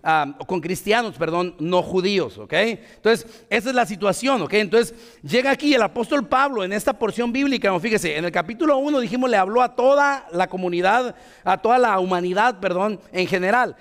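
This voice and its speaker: High-voiced pastor preaching in a hall. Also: male voice, fairly bright tone. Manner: conversational preaching with frequent "hermanos" and "¿verdad?". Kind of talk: sermon. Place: church hall. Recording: reverberant church hall.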